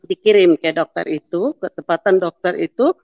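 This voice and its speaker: A woman's voice: fairly low pitch, normal speed, darkish tone, no echo. A middle-aged woman giving a personal testimony, telling her story and acting out the dialogue. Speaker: testimony speaker. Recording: dull lo-fi sound.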